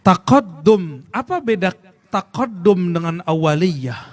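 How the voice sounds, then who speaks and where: Man, fairly high voice, relaxed preacher, quizzes the room, draws out chanted Arabic phrases. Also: unhurried. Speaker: preacher teaching a study circle. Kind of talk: informal religious lesson.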